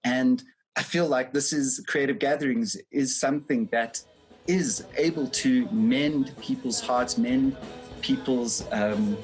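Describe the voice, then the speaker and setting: A man speaking softly in an interview, pausing to find his words. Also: medium pitch, soft background music, poor audio.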